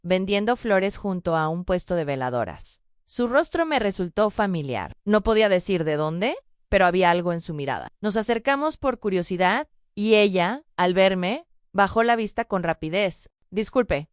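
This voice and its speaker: A woman narrating a first-person testimony in a solemn, measured storytelling voice, sometimes turning to address the listener directly. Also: medium pitch, expressive, smooth, dry recording, studio quality.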